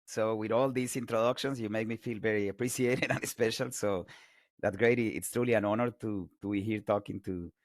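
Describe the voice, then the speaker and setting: Colombian-born guy in his 40s lecturing online, low gravelly voice, dry sound, lots of energy. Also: normal speed, no echo. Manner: energetic, self-correcting repeats. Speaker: guest lecturer.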